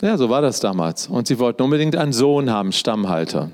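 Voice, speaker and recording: A man's voice: mid-range voice, sing-song, a little fast, a little mellow. A middle-aged man preaching a sermon, telling a personal story in a conversational way and speaking directly to his listeners.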